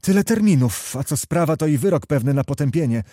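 A man's voice: fairly high pitch, animated, a little fast, mellow, dry recording, studio quality, voice pushed up, close to an everyday voice. A man reading the part of a hot-headed, remorseful young nobleman lying wounded, speaking with passion and rising to exclamations. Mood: anxious. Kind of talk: audiobook character reading.

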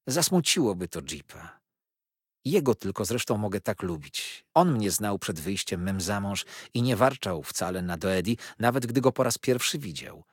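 A man's voice: fairly low pitch, animated, moderate pace, breathy edge, dry recording, clean studio sound. A man voicing a young, sickly wife who speaks tenderly and coaxingly, like a spoiled child.

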